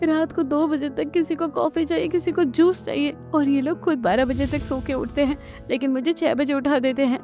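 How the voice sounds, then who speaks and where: A woman's voice: sits high, steady tone, moderate pace, few pauses, dark tone, faint music behind, pitched above the performer's own voice, close to an everyday voice. Woman voicing a worn-out young daughter-in-law. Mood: weary.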